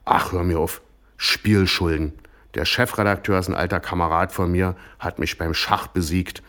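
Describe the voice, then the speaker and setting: A man's voice: sits low, steady tone, moderate pace, fairly bright tone. A man voicing a boozy, jovial middle-aged cosmonaut with an easygoing, offhand manner. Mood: relaxed.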